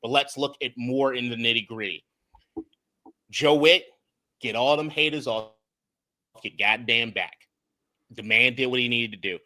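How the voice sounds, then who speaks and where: Animated, bright-voiced man breaking down game film. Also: medium pitch, moderate pace, long pauses. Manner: animated, swears, laughs, repeats and restarts words. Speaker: podcast co-host and film analyst. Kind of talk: casual sports podcast chat.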